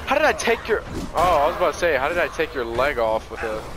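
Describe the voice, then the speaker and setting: A man's voice: fairly high pitch, big pitch swings, fast talker, background noise. Laid-back man commenting on gameplay. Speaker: gameplay streamer.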